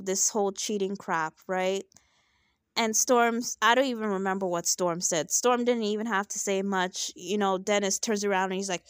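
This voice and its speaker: A woman's voice: on the high side, no echo, clean studio sound. A young woman giving a casual, opinionated recap of a reality show, often tossing in "right?" as she talks. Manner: chatty, opinionated, frequent "right?" asides.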